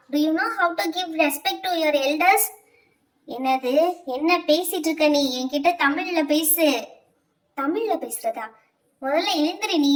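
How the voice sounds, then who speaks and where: Nagging, lecturing doll-show teacher, played by a woman, shrill and off-mic. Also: distant mic. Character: strict scolding female schoolteacher. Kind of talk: doll-play voice acting.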